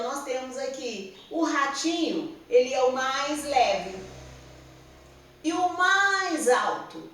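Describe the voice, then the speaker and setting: Brazilian schoolteacher, woman, patient and repetitive, slightly high voice, distant echoey classroom sound. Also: fairly bright tone. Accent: Brazilian Portuguese. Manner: patient, repeats and checks understanding with "tá?". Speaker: teacher. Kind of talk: slow classroom explanation to young pupils. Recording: roomy echo, speaker somewhat off-mic.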